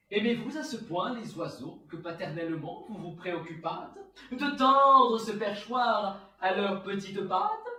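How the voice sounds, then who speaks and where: A man's voice: high voice, bright, forceful tone, full character voice. A man playing a proud, witty, mocking swashbuckling poet, delivering a theatrical verse monologue like a hammy stage actor. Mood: mocking, playful. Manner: hammy, declamatory stage acting. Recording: roomy, echoing, far from the mic.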